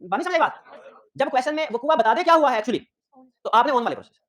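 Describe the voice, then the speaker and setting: A man's voice: extremely high pitch, fast. A man giving an audit lecture, who keeps checking whether his students follow and mixes in stories from his own work as an auditor. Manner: lively teaching with personal anecdotes. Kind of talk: classroom lecture.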